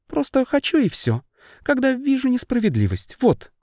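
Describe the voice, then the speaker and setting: Мужчина читает аудиокнигу и озвучивает юную вспыльчивую кровожадную дриаду высоким голосом; запись сухая, без эха. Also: male voice, very high voice, wildly swooping pitch, moderate pace, no echo, studio quality, pitched above the performer's own voice, heavily acted. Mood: sulky. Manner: impulsive, sharp outbursts. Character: young female dryad, hot-tempered and bloodthirsty.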